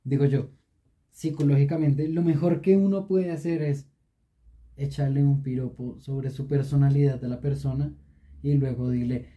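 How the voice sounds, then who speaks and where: A man's voice: mid-range voice, fairly even intonation, normal speed, lo-fi sound. A man co-hosting a casual podcast, swearing freely and arguing his point with lots of repeats. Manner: crude joking, argumentative, repeats himself. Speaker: podcast co-host.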